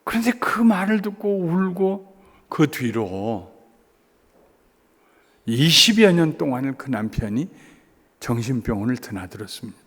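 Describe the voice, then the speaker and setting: A man in his seventies preaching a revival sermon in a church, telling a story, shifting between hushed asides and rising emphatic appeals. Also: mid-range voice, sing-song, a little slow, long pauses, husky. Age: 70s. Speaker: guest revival preacher, pastor. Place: church sanctuary, evening service. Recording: long church reverb.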